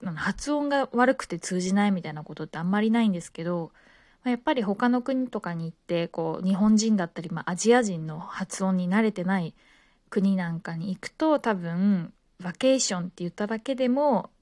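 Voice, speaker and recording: A Japanese woman speaking alone in a relaxed, casual way, with frequent fillers. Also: medium pitch, brisk, dry recording, clean studio sound. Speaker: podcaster. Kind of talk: casual solo talk.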